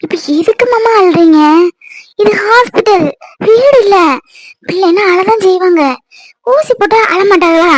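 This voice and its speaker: A woman's voice: extremely high pitch, brisk, dry recording. A woman playing an exasperated young wife. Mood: scolding. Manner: scolding, impatient, coaxing the baby. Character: young wife, exasperated with her weepy husband. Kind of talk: cartoon voice acting.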